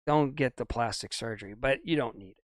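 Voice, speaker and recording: A man's voice: mid-range voice, brisk, no echo, studio quality. An older man co-hosting a casual couch chat, rambling and grumbling his opinions. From United States. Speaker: co-host.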